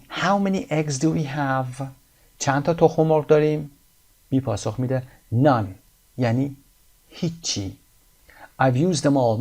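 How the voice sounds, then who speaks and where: A man with a Persian accent teaches a recorded English lesson, his voice gravelly with fry. He explains in Persian and slows right down to read English example sentences carefully. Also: mid-range voice, darkish tone.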